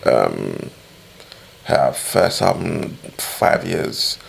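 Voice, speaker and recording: A young man with a London roadman accent and a gravelly voice, chatting casually in street slang as a podcast co-host. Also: a bass voice, big pitch swings, very slow, a little hiss or hum. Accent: London, urban street (roadman).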